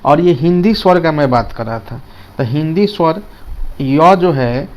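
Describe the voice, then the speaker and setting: Male tutor, lesson delivery, repeats terms and asks rhetorical checks; voice a bit high, dull lo-fi recording. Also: lively intonation, measured pace. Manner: repeats key words, asks students rhetorical questions. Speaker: teacher. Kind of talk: classroom lesson in Hindi with English terms.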